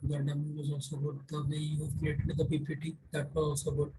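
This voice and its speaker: A man's voice: on the high side, monotone, brisk, warm tone. A man with an Indian accent giving instructive feedback as a mentor on a video call. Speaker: internship mentor hosting the meeting. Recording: noisy video-call audio.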